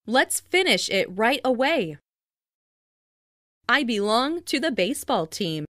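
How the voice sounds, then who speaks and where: Slow, lively woman reading English phrases. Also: on the high side, dry recording, clean studio sound. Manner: careful, clearly enunciated, each sentence said twice.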